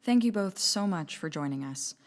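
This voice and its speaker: A young woman co-hosting a scripted comedic news show with a brisk, wry delivery. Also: lowish voice, lively intonation. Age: young adult. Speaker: co-host.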